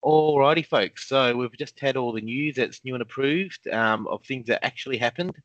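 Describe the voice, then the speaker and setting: A man's voice: medium pitch, normal speed, a bit bright, no room sound. Laid-back man, lo-fi podcast audio. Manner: laid-back, jokey, lots of ums. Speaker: podcast co-host. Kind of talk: casual fantasy football chat. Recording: dull lo-fi sound.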